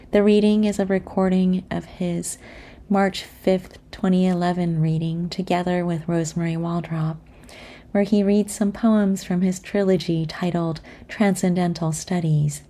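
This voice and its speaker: Female host, low warm tone, measured and earnest introducing a reading. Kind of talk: scripted introduction.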